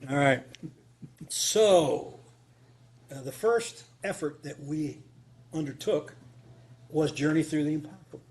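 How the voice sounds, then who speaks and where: A slightly high, darkish male voice, expressive and slow with frequent pauses, belongs to a radio drama writer giving a casual, unscripted conference talk. He speaks folksily to a small group in a meeting room, repeating phrases for emphasis, and the live recording carries clear hum and noise.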